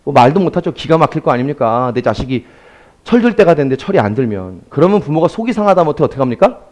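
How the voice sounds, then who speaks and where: A man's voice: on the high side, sing-song, fast, a little mellow. A man preaching a Sunday sermon as pastor, speaking directly to his congregation.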